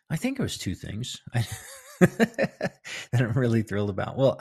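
A middle-aged man hosting a show in casual, rambling solo chat, his gravelly voice worn from singing the night before. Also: deep voice, no echo, clean studio sound. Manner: rambling, chuckling, informal. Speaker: host of a history show, filmmaker and musician.

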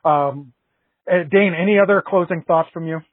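A man's voice: high-pitched, moderate pace, no room sound, recorded from a distance. A man co-hosting a sports podcast, earnest and emotional, often restarting his words. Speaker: podcast co-host. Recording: tinny phone-like line from off-mic.

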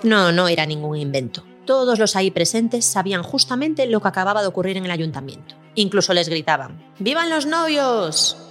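A woman hosting a podcast, reading a scripted documentary narration in a measured storytelling way. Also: lowish voice, expressive. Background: faint music.

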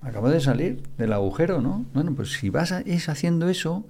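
Older guy, gravelly voice, psychiatrist lecturing on a podcast, hammers key words over and over. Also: a little high, big pitch swings, brisk, mellow. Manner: didactic, repeats key words for emphasis. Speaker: psychiatrist guest. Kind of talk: explanatory podcast interview.

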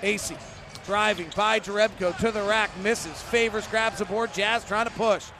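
A man doing live basketball play-by-play, in clipped running descriptions that burst into excited calls. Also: high voice, normal speed. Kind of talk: live game commentary. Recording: noisy arena sound. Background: gym noise, bouncing basketball.

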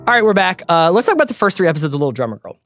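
A man's voice: high voice, very animated, rapid-fire, fairly bright tone, faint music behind. An American man speaking as a podcast host, with an informal, emphatic way of talking. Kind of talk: casual film and TV chat, host-read ads.

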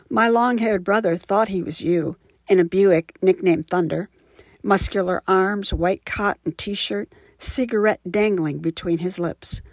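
A woman introducing and reciting her own poem in a measured, heartfelt way. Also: medium pitch, dry recording. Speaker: poet. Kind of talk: poetry reading.

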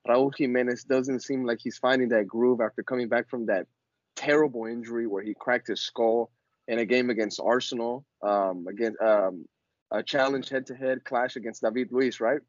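A man's voice: mid-range voice, fairly even intonation, normal speed, dry recording. A man hosting a casual sports podcast with slangy frat-bro talk full of "yo", "bro" and "fam". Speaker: podcast host. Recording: slightly dull, close dry lo-fi sound.

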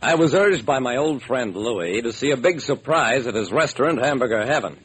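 On a slightly noisy old radio recording, an actor with a medium-pitched, expressive, fairly bright voice close to everyday speech plays a shrewd private detective. As both narrator and lead, he tells his own case in a wry, brisk manner.

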